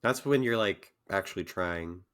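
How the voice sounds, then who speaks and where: A young man with a very deep voice co-hosts a casual podcast. He is sick and a bit phlegmy, and he keeps cracking jokes and teasing his friend. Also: measured pace, fairly bright tone, smooth. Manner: joking, teasing. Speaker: podcast co-host. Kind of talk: casual banter.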